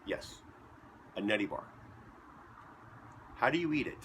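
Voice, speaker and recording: A man talking to camera from his basement in a rambling, deadpan way, joking as he goes and chewing as he talks. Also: on the low side, a little slow, a little hiss or hum. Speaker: vlogger. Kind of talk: casual rambling monologue to camera.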